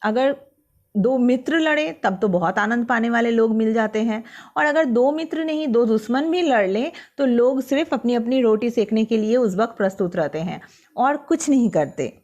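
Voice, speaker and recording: Higher-voiced woman teacher explaining a poem. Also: lively intonation, darkish tone, dull audio. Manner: reads poem lines slowly, then explains them in plain words. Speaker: Hindi teacher. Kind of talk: explaining a poem to school students.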